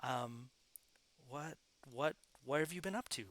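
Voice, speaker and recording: Man playing a high eager halfling innkeeper. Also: expressive, a little slow, fairly bright tone, no echo. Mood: relieved. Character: surprised halfling innkeeper, friendly.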